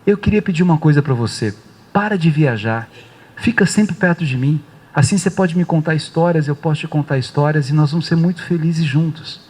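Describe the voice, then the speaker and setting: A man voicing a loving little girl in a spoken story, soft and pleading. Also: on the high side, fairly quick, husky, pitched above the performer's own voice.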